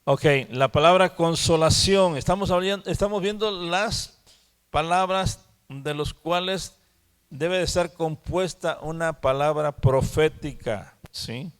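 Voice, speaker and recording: A man teaches the Bible at a church prayer meeting. He talks slowly and keeps asking "¿sí?". His voice carries a long hall reverb. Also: fairly high pitch, clear, resonant tone. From Mexico. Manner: slow, repeats words and asks "¿sí?". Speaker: preacher.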